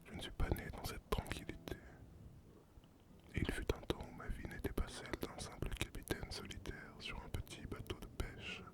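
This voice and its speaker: In a whispered role-play, a performer plays a lone male sea captain who used to be a pirate, his voice very high, breathy and unvoiced. He tells the tale to the listener slowly and poetically.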